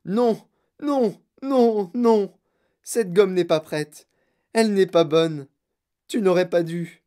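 A woman's voice: lowish voice, a little slow, warm tone, natural voice. A woman voicing a fretful, eccentric candy maker who pleads and sighs, in a storybook reading. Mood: alarmed. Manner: anxious, pleading, then sighing sadly.

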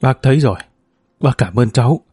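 A man playing a gentle old retired colonel. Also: mid-range voice, lively intonation, breathy edge, no room sound, studio quality. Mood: fumbling, gentle. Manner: gentle, unhurried, homely.

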